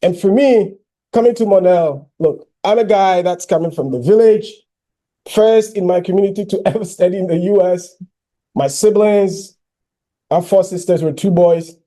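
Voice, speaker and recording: A man in his thirties from Ghana, giving a personal keynote speech as an animated storyteller who often says "you know". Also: high voice, moderate pace. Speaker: keynote speaker.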